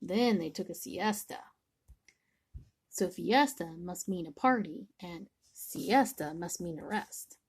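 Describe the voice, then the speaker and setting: An older woman, a grandmother, reading a picture book aloud slowly and gently, sometimes stumbling over words. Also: fairly low pitch, creaky, breathy edge. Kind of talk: storybook read-aloud.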